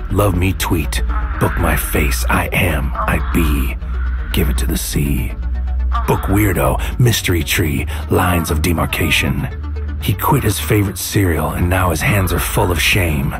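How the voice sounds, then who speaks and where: Over a bed of music, a deep-voiced man delivers the brooding inner thoughts of a paranoid hitman in a surreal audio drama. He sounds haunted, speaking deliberately and poetically in scripted, noir-style narration that often fades into whispers.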